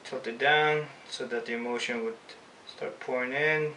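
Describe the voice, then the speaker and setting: Talking through each step as he works, this Filipino-accented man leads an informal screen printing tutorial. His mid-range voice is pushed and bright, with fairly even intonation and a normal speed. The distant mic catches room echo and a faint hiss.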